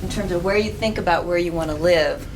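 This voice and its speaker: A woman in her fifties facilitating a group exercise, giving brisk directions and laughing easily. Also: fairly low pitch. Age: 50s. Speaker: workshop facilitator. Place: indoor meeting room with a group. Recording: distant mic with background noise.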